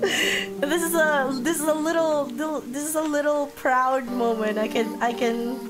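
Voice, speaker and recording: A woman live streamer chatting casually over a game, giggly and excitable, swearing freely, with a voice hoarse from being sick. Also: sits high, measured pace, rough recording. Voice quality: hoarse, husky from illness. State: sick, coughing. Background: game music.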